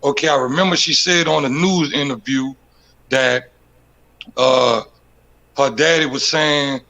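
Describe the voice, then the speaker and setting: A man's voice: medium pitch, fairly even intonation, measured pace, bright, forceful tone, low-quality recording. A man calling in with a question, hesitant and searching for words. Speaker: caller.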